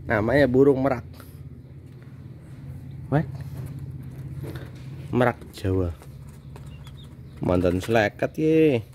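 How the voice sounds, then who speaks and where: A man's voice: mid-range voice, lively intonation, takes it slowly, long pauses, a little mellow, a little hiss or hum. A man, a father playfully teasing his daughter in a casual family vlog, laughing often.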